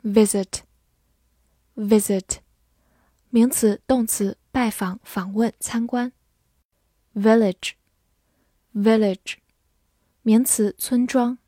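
A woman's voice: a little high, warm tone, husky, no echo, clean studio sound. A woman teacher reviewing vocabulary, saying each English word twice and then listing its parts of speech and meanings.

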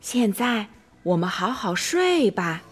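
A woman's voice: mid-range voice, slow pace, breathy edge, soft background music, heavily acted. A woman voicing a patient, sleepy male barnyard friend who soothes the little ones to sleep. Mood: sleepy calm. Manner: calm, soothing, yawning.

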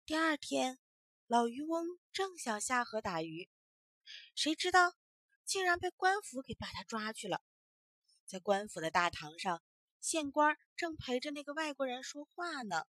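A woman telling a children's story as a storyteller, in an expressive, emphatic way. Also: sits high, moderate pace, no room sound.

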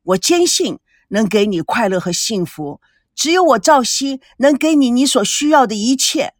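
A woman's voice: fairly high pitch, expressive, moderate pace, no echo, clean studio sound. A woman reading a novel aloud, voicing an earnest young man who is desperate in love and stammers as he pleads. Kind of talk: audiobook character voice.

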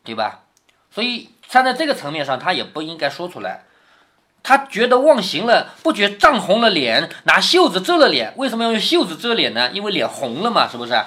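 A man's voice: sits high, sing-song, fairly quick, pushed and bright. Changzhou-accented man explaining a classic novel. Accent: Changzhou Wu-accented Mandarin. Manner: explains passages, often adds tag questions to check understanding. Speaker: father reading to his daughter. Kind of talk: reading a classic novel aloud with commentary.

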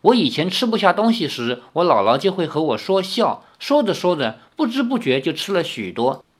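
A man doing a cheeky, sharp-tongued young man from a storybook, always ready with a sarcastic comeback. The voice sits a little high and bounces lively. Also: normal speed. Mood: coaxing. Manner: teasing, sarcastic.

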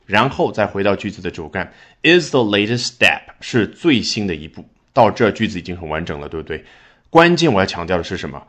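A man's voice: deep voice, big pitch swings, brisk, a bit bright. A man teaching English vocabulary and sentence structure in a recorded lesson, explaining patiently and asking rhetorical questions as he goes.

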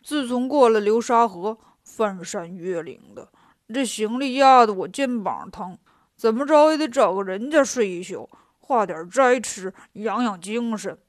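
A woman's voice: fairly high pitch, expressive, measured pace, no room sound, studio quality. A woman voicing a lazy, greedy male pig-monk who complains and whines about his load. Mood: grumbling. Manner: complaining, whiny.

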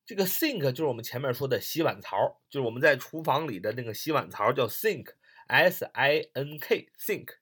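A man gives a recorded English reading lesson. His pitch rises and falls a great deal as he repeats each phrase and spells the words out slowly. He fills the pauses between explanations with short particles. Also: animated, a bit bright, breathy edge. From northern China. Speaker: English teacher.

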